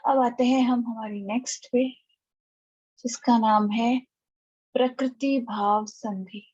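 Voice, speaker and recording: A woman's voice: fairly high pitch, steady tone, takes it slowly, a little mellow, slightly rough, highs cut off. A woman teaching an online lecture, explaining step by step and often checking that students follow.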